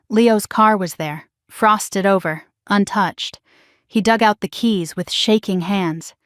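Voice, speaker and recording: A woman in a mid-range voice narrates a first-person suspense story in a steady, dramatic way. Her delivery is scripted and even. The sound is dry and close, with no room echo. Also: mid-range voice.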